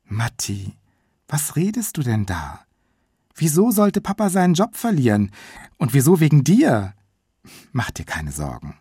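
A man reading his own audiobook, voicing an exasperated mother who keeps breaking into high, sharp outbursts. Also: huge pitch swings, a little slow, long pauses, husky, dry recording, studio quality, heavily acted. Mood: worried. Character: exasperated mother, shrill when upset.

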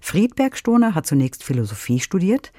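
A male radio host reading his introduction in a calm, scripted, announcing way. His voice sits at a mid pitch with a mellow, dark tone, and it is recorded dry and close. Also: no room sound. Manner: measured, announcing. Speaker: radio presenter.

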